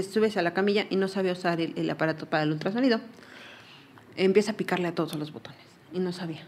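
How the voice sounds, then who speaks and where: A woman's voice: medium pitch, darkish tone. A young woman with a Mexican accent giving personal testimony in an interview, earnestly retelling events and often repeating herself.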